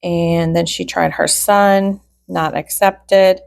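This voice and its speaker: Slow and fairly even in intonation, a woman's low, fry-heavy voice recites a log item by item in casual true crime commentary, dropping wry remarks along the way. The audio is dry, with almost no room around it and no echo.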